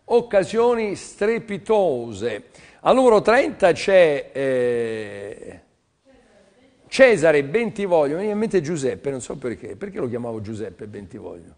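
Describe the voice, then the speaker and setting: A man's voice: fairly high pitch, very animated, a little slow, a little mellow. An older man hosting a live art sale on television, talking in a chatty, teasing, rambling sales patter. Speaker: TV art auction seller.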